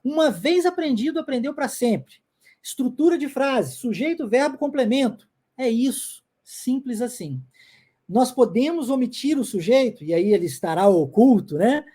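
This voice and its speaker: A Brazilian woman teaches an English lesson online, her speech sliding up and down with lots of melody. Her voice sits a bit high but sounds warm and mellow. She drills short phrases again and again and keeps checking that the listener is following. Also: normal speed, slightly rough. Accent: Brazilian Portuguese. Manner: animated, drills phrases by repetition, frequent check-in tags.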